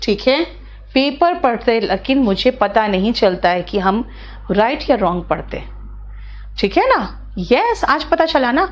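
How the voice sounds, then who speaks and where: A woman's voice: on the high side, big pitch swings, unhurried, dull audio, slight background noise. A middle-aged woman, teaching vocabulary in an online class and coaxing her students step by step. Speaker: English teacher.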